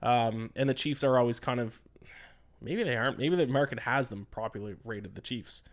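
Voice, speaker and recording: A man's voice: mid-range voice, normal speed. Tired man rambling through betting picks. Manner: rambling, distracted, frequent "uh" and "um". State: tired, yawning. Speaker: sports betting podcast host. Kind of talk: casual solo podcast commentary.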